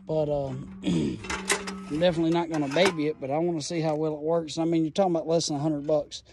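High-voiced man reviewing a tool. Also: little pitch movement, brisk, a little mellow. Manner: enthusiastic, folksy, rambling explanations. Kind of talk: casual phone-filmed tool review. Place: outdoors in a gravel yard, then a garage. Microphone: phone camera held in hand.

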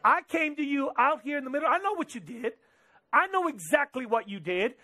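High, bright-voiced young pastor preaching. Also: male voice. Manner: animated, gesturing preacher with quick quoted asides. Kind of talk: sermon. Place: church stage with drum kit behind, indoors.

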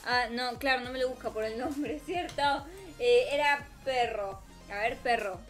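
A woman's voice: fairly high pitch, measured pace. A woman with an Argentine accent improvising theatrical role-play commentary over gameplay, talking to viewers and herself. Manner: theatrical, melodramatic, talks to viewers and self. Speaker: gaming video host. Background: music.

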